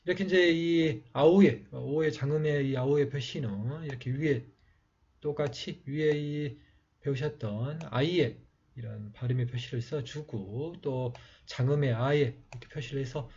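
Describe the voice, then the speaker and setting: A man slowly explaining how to write letters in a lesson, pausing often with fillers. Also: medium pitch, darkish tone, husky. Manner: slow, halting explanation with many fillers. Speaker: teacher. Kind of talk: calligraphy writing lesson. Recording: dull lo-fi recording.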